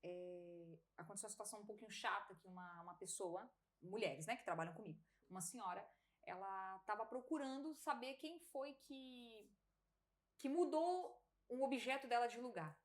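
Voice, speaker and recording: In a mid-range voice at normal speed, a Brazilian woman with a Brazilian Portuguese accent casually tells her testimony as a podcast guest. She's animated and laughs a lot while acting out the dialogue.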